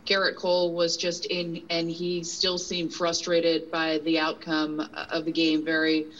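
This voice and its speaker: Low-voiced woman reporter on a dull line. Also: completely flat delivery, a bit bright. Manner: measured, direct questioning. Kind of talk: press conference questions.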